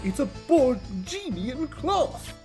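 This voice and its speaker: A man's voice: extremely high pitch, sing-song, takes it slowly, pitched above the performer's own voice, heavily acted. A pompous foreign art dealer, put on by a man fusses over his precious cargo in broken, grandiose phrases. The voice leaps all over the place, with game music playing behind. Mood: haughty.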